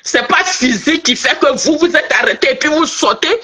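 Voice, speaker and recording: In a heated political rant to viewers, this online commentator taunts and scolds with a high-pitched, bright, forceful voice that's expressive and moderately paced. She's a middle-aged woman from Ivory Coast with an Ivorian French accent, and a cold has left her nose stuffy.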